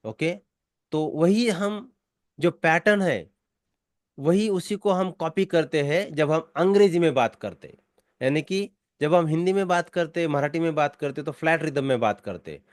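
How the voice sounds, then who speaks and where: A man's voice: on the high side, lively intonation, measured pace, no echo, clean studio sound. An Indian man teaching spoken English, explaining in a mix of Hindi and English and repeating his key points.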